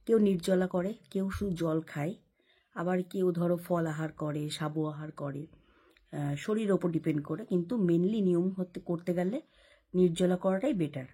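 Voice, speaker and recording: A woman's voice: lowish voice, normal speed, mellow, slightly rough. A young woman vlogging casually from her bedroom at night, rambling and explaining at length. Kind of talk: casual chat to camera. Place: home bedroom, lying under a blanket.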